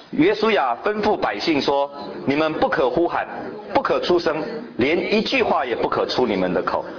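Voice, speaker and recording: Lively, questioning male preacher. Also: medium pitch. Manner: animated, quizzing the congregation with repeated rhetorical questions. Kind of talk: sermon. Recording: dull lo-fi recording.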